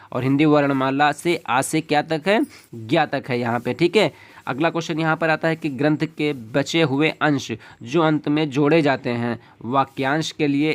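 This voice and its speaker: Man teaching an exam-prep lesson. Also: fairly high pitch. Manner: repeats "ठीक है" after each point, explains step by step.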